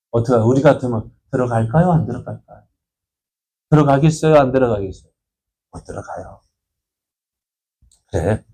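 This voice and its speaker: A man preaching a midweek sermon in a church, putting questions to the congregation and answering them himself. He grows lively when retelling the story and drops quiet on the answers. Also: medium pitch. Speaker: pastor.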